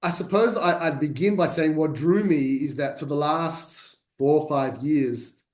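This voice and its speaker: An Australian translator joins a video call as a guest, chatting in a slightly high, darkish voice at a measured pace. He's self-deprecating and restarts often, and the sound is roomy.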